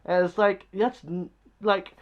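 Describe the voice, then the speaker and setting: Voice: medium pitch, little pitch movement, a little slow, dull audio. A movie reviewer talking casually and bluntly, rambling with lots of filler words. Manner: blunt and dismissive.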